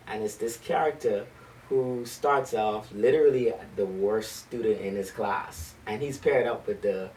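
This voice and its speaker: A man's voice: on the low side, warm tone, far from the mic, a little hiss or hum, poor audio. Guy band director chatting away, lots of um and restarts, sits back from the mic. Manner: eager storyteller with frequent um and restarts. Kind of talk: conversational interview. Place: library.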